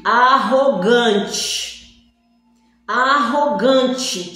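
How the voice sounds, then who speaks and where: A woman voicing the commanding, stern male voice of God in a testimony, speaking slowly and solemnly. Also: fairly bright tone. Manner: slow, solemn, booming. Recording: very echoey room.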